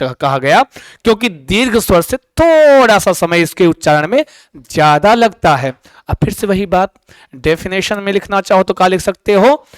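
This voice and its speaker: A male teacher giving an exam coaching lecture in a lively way, often asking his students questions. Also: sits high, smooth, dry recording, poor audio.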